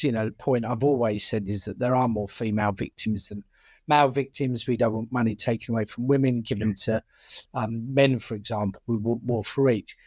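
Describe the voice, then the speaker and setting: In a dry recording, a man with a mid-range, darkish voice answers interview questions conversationally. He is a charity chair and campaigner from the United Kingdom with a working-class British accent, and his speech features repeated words and restarted sentences.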